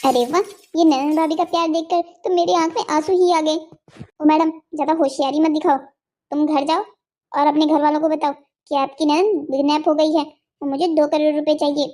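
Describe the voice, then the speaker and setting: A woman's voice: high-pitched, flat delivery, normal speed, warm tone, lightly acted. A woman voicing a swaggering male kidnapper with a sword in a cartoon story, talking in taunting, sneering threats.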